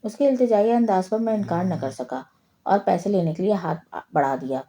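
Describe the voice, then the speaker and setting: A woman reading a horror story aloud in a steady, low-key way. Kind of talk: scripted horror story narration.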